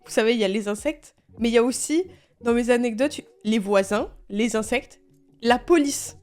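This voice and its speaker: High-voiced young woman ranting. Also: normal speed, soft background music. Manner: animated, swearing, laughing often, exasperated. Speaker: streamer. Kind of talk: casual storytelling while gaming.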